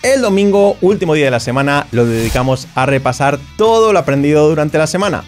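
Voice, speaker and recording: A man whose first language is Spanish, teaching an English lesson and slowly repeating English words for his learners to copy. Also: on the high side, expressive, faint music behind. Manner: slow, emphatic repetition of English words.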